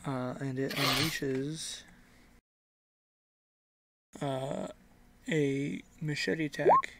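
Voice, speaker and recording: A man running a tabletop game as game master, improvising casual narration in a halting, hesitant way. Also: medium pitch, very noisy.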